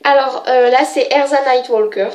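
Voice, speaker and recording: A woman's voice: high voice, fairly even intonation, moderate pace. A woman showing a book on camera in casual chat, gushing and often unsure of herself. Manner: chatty, gushing, unsure, self-correcting.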